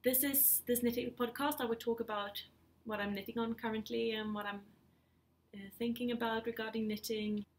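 In her living room at home, a Swedish woman in her thirties hosts a podcast, chatting casually and a bit hesitantly in a knitting vlog. Her Swedish-accented voice is fairly high and steady in tone, moving at normal speed over slight background noise.

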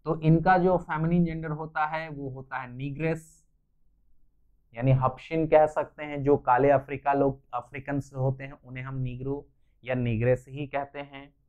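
A man's voice: medium pitch, steady tone, moderate pace, a little mellow. A male English teacher giving a classroom lecture, patiently explaining and spelling out words letter by letter. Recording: slightly dull lo-fi recording.

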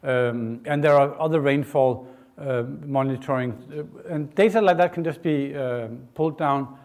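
A middle-aged man from Denmark, giving a university lecture in an informal, halting way with many fillers and restarts. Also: mid-range voice, darkish tone. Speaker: guest lecturer. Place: lecture hall, indoors.

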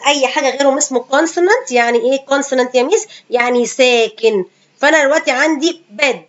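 A woman English teacher with an Egyptian Arabic accent, giving a pronunciation lesson, repeating each example word slowly and answering her own questions. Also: sits high. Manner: asks questions and answers them herself. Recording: dull lo-fi sound.

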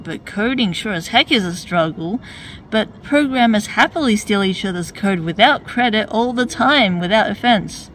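A woman delivering a point-by-point rebuttal in a wry, needling way, stacking up rhetorical questions. Her voice sits at an ordinary middle pitch and is mostly plain, rising in emphasis on her key points. A faint hiss of noise runs under the recording. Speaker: video essayist. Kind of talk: argumentative commentary.

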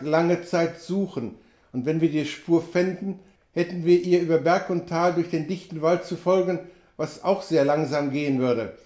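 A man's voice: sits high, dark tone, natural voice. A man voicing a chatty, folksy old frontier trapper who talks in clipped, colloquial phrases and exclaims often. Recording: roomy echo.

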